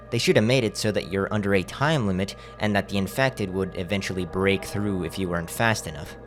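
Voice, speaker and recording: A man narrating a video game critique as a voice-over. He speaks casually and bluntly and swears freely. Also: deep voice.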